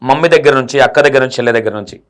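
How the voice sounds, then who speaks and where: A man's voice: mid-range voice, very fast. A male interviewer who asks probing, direct questions.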